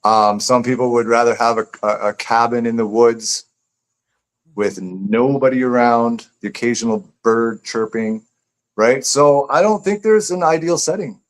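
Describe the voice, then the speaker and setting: A man with an average-pitched voice speaks casually and unhurriedly as a guest author in a live interview. Reflective and prone to rambling, he circles back and repeats phrases as he works out what he means. The recording is rough.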